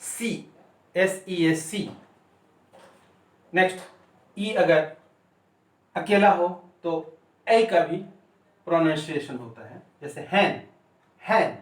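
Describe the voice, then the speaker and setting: Male pronunciation teacher, slightly high voice, very slow and drilled, echoey room, distant mic. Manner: slow and deliberate, repeats and spells out words. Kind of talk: Hindi-language lesson.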